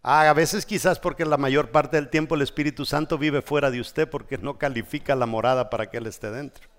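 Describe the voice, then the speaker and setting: A man's voice: mid-range voice, fairly even intonation, fairly quick. A man preaching a sermon as pastor, emphatic and full of rhetorical questions. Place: church. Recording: echoey church hall.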